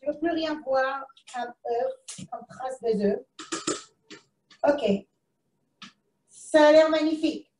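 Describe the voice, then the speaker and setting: A woman's voice: sits high, slow, pauses often, echoey room, distant mic, background noise. A woman with a foreign accent in French presents a live cooking demonstration from a kitchen, chatting to herself as she works. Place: kitchen, indoors.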